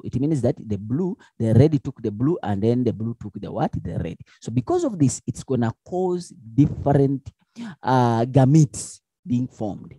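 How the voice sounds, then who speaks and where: A man's voice: medium pitch, no room sound. A man teaching a lesson, asking questions and answering them himself, with many restarts. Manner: lively, with many restarts and fillers. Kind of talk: explanatory lesson.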